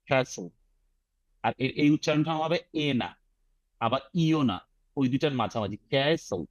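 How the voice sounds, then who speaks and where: A man's voice: medium pitch, lively intonation, a little slow, no echo, lo-fi sound. Bangladeshi man drilling English pronunciation. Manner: drills words syllable by syllable, mixing English phrases into his explanations. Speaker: IELTS teacher. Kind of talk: online class teaching pronunciation. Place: online video class.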